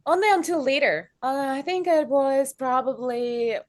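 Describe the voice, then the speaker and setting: A young woman from Kazakhstan, a guest chatting in an interview on stage, speaking haltingly with many fillers. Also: sits high, darkish tone.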